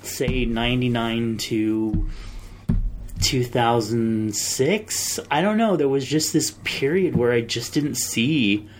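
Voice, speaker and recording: A man's voice: medium pitch, slow, slight background noise. A man in his thirties co-hosting a podcast, chatting casually and reading listener mail in a rambling way. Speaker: podcast co-host. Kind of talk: casual chat.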